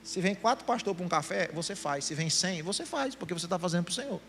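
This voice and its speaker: A man's voice: high voice, expressive, fast, vocal fry, a bit bright. A middle-aged man with a Brazilian Portuguese accent preaching a sermon to a meeting of pastors, acting out the voices he quotes. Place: church meeting.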